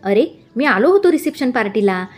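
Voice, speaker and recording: A woman's voice: on the high side, sing-song, fairly quick, darkish tone, faint music behind. A woman reading the polite lines of a courteous middle-aged businessman in a storybook.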